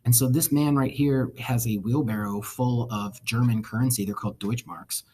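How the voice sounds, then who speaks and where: Male teacher, husky, relaxed lecturing tone, dry humour. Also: medium pitch, normal speed. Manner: casual, conversational, with wry asides. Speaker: history teacher. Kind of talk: recorded classroom lecture.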